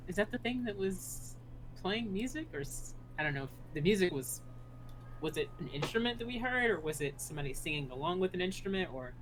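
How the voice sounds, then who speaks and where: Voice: mid-range voice, animated, a little fast, background noise. A tabletop game player chatting casually and asking questions about the scene.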